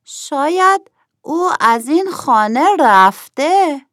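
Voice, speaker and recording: A woman voicing a small, anxious pea creature in a storybook, speaking in a high voice. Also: expressive, a bit bright, no room sound, studio quality. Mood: worried.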